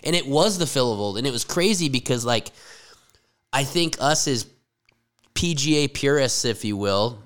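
A man with a smooth, clear voice talks loose golf banter on a podcast. His tone is animated and profane, and he often breaks into laughs. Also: medium pitch, moderate pace. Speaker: podcast co-host. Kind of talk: casual golf chat.

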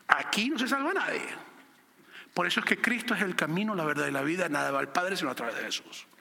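A man's voice: high-pitched, gravelly, bright, forceful tone, big-room sound. A man preaching a sermon as a pastor, passionate and acting out conversations. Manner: passionate preaching, acts out dialogues.

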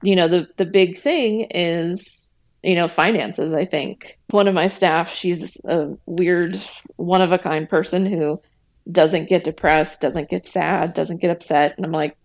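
A woman's voice: on the low side, steady tone, measured pace. A woman in her late thirties or forties talking candidly as a podcast guest, laughing often and acting out her own past remarks. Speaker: guest, veterinary technician and ER manager. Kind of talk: conversational podcast interview.

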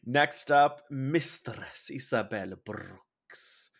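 A podcast co-host speaks very slowly with vocal fry at a medium pitch, chatting in a campy, sassy, exclamatory way and swearing freely. It's a casual, comedic recap of a drag competition show.

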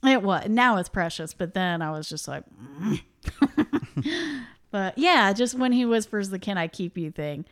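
Speaking a little slowly, with a medium-pitched, expressive voice, a young female podcast co-host talks casually about a movie. Her chat is loose, full of fillers, laughter and side comments.

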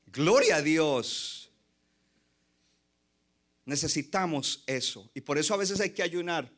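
A man delivers a passionate sermon from the pulpit, his voice sitting a little high for a man. He slips English phrases into his preaching. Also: fairly bright tone. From Colombia. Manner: impassioned, mixes in English phrases. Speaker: pastor.

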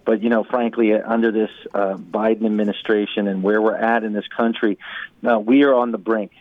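A middle-aged man speaking as a guest in a radio interview, forceful and emphatic, repeating key words. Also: lowish voice, little pitch movement, a little fast, dry recording. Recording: tinny phone-like line, dry.

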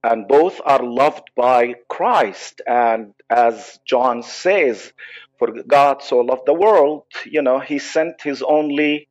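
Palestinian-accented guy on a podcast, earnest, stops and restarts a lot, muffled lo-fi audio. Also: mid-range voice. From Israel. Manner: earnest, halting, many restarts. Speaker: psychologist guest. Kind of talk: podcast interview.

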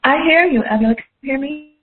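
A woman's voice: high-pitched, fast talker. A woman in her twenties calling in over a computer call, earnest and grateful, hesitant with many fillers. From Georgia, US. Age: 20s. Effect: heard through a call on a computer speaker. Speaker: caller. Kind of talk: live call-in chat. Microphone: computer mic over a call. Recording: echoey, tinny call line.

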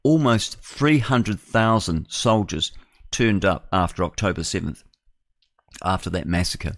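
A man from New Zealand in his sixties hosts a radio segment, rambling through his opinions in a digressive, conversational way with rhetorical tag questions. His low-pitched voice is unhurried, and the clean studio sound carries no echo.

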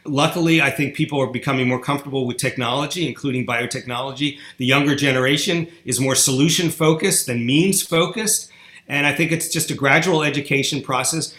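Interview guest, male, blunt and argumentative, bright tone, roomy echo. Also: medium pitch. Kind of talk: interview answers. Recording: echoey room.

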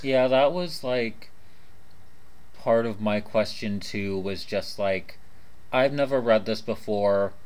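A man's voice: fairly low pitch, takes it slowly, a little mellow, clean tone. A man co-hosting a casual podcast, talking informally and freely swearing, with half his mouth numb from the dentist. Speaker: podcast co-host.

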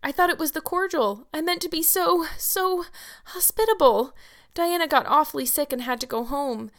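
A woman's voice: high-pitched, animated, a little fast, a bit bright, pitched above the performer's own voice. A woman voicing an earnest, dramatic young girl who wails in flowery, tearful speech. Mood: distressed, indignant. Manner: melodramatic, flowery, wailing.

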